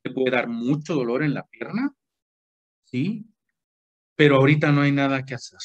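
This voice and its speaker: A man's voice: mid-range voice, moderate pace, muffled recording. A man with a Mexican Spanish accent, a doctor teaching a class in a colloquial lecture and often checking that students follow. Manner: colloquial, asks the class frequent check questions. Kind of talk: informal medical lecture.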